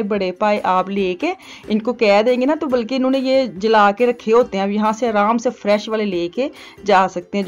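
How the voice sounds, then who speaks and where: In a homely, meandering voice-over for her shopping vlog, a middle-aged woman narrates chattily from home. Her pitch sits at medium and sounds a little mellow.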